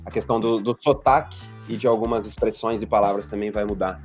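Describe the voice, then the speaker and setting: A Brazilian man with a Brazilian accent in casual podcast chat, explaining things calmly. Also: on the low side, fast talker, faint music behind.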